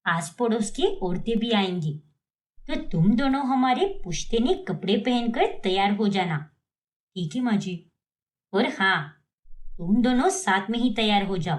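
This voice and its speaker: A woman's voice: fairly high pitch, a little mellow, pitched below the performer's own voice. Woman doing a stern rich mother-in-law. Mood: instructing. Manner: scolding, lecturing. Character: strict wealthy middle-aged mother-in-law, tradition-proud.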